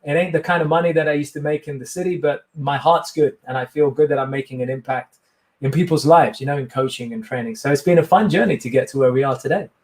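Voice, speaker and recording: A man's voice: on the high side, fast, darkish tone. A middle-aged man, a coach giving an interview and telling his story in a rambling, enthusiastic way. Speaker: guest, coach. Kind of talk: casual interview talk.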